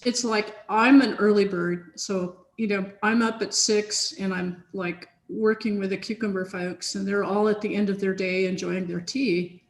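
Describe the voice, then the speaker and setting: This rough recording captures a woman's mid-range, steady voice at normal speed, with hardly any pauses, over a computer video call. A software team researcher in a chain conversation, she chats casually and rambles, full of fillers and restarts, from a home office with big sunny windows.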